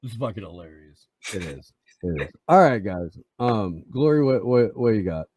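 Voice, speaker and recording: A man with a gruff, scruffy voice co-hosting a casual live stream, rambling and swearing, full of fillers and restarts. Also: on the low side, sing-song, normal speed, a little mellow. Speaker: podcast co-host.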